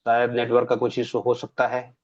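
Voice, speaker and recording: A man's voice: medium pitch, completely flat delivery, moderate pace. A man hosting an online webinar, introducing guests with effusive, ceremonial praise over a video call. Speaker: webinar host. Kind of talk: formal event hosting. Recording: muffled video call audio.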